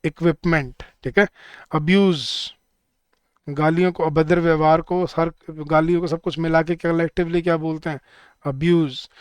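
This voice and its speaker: A man teaching a live online class for bank exam students, speaking Hindi, repeating each word slowly and drilling the rules, with words said. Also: fairly high pitch, fairly even intonation, clean tone, no echo.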